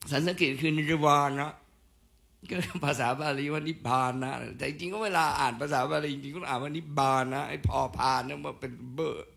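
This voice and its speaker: A man's voice: a little high, gravelly, fairly bright tone. An older man giving a special lecture in a casual, digressive way with joking asides.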